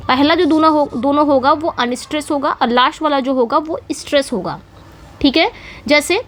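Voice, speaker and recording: High-voiced woman teaching English prosody. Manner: repetitive teacherly explaining with frequent "theek hai" and "okay" checks. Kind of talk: exam-prep lecture explaining poetic meter.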